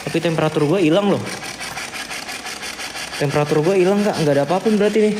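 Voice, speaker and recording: A man with a fairly high voice hosts a casual ghost-hunting vlog outdoors at an old sugar factory beside cane fields. He is slangy and chatty, speaking to his viewers and to the spirits in turn. Faint background noise sits under his voice. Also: fast talker. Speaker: paranormal investigator vlogger.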